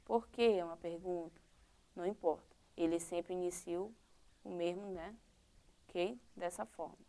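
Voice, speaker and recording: A woman's voice: lowish voice, fairly even intonation, a little slow, creaky, mellow. A woman teacher with a Brazilian Portuguese accent, explaining a primary-school lesson step by step and checking in with "tá?" and "ok?".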